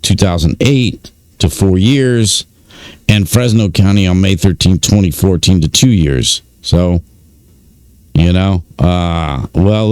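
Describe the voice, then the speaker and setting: A man's voice: deep voice, darkish tone, dry recording. A man giving casual commentary, reading out records with many fillers and informal asides. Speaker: YouTube commentator on prison news.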